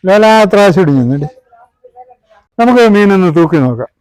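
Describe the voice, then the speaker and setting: A fish seller who hosts a vlog talks casually about his work while handling live fish. His high, sing-song voice has a darkish tone and moves a little fast. The audio is poor and dry, with clear background noise and clicks.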